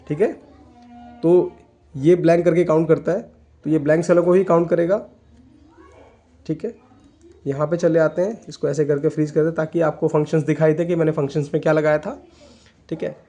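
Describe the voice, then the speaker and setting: A man's voice: a little high, mellow. Man explaining a spreadsheet tutorial. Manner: explains step by step, mixing English terms into Hindi, often says "ठीक है". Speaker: computer tutor. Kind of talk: screen-recorded software tutorial.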